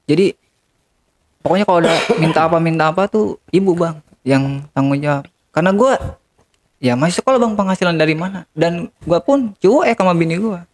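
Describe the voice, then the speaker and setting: A man's voice: on the high side, lively intonation, fairly quick, long pauses. A man, telling a regretful confession as an interview guest and often turning to the host. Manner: regretful, keeps addressing the host as "Bang". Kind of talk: confessional storytelling.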